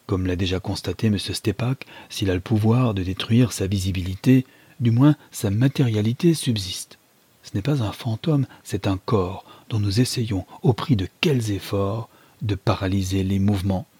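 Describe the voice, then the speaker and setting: An audiobook reader narrates a novel in the first person, measured and dramatic, building tension line by line. His low voice has a husky grain and a warm tone, and the dry recording carries no room sound or echo.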